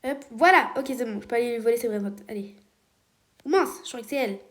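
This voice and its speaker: A woman, chatting excitedly through a video game with squealing exclamations, often dropping to a whisper. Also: on the high side, fast talker. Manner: often drops to a hushed whisper. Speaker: Roblox player. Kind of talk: casual gameplay commentary.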